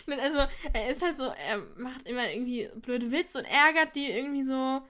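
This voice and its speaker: A woman's voice: high voice, fairly quick, background noise. A woman co-hosting a casual podcast chat, retelling scenes with acted quotes and frequent laughter. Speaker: podcast co-host. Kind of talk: casual chat recapping an episode.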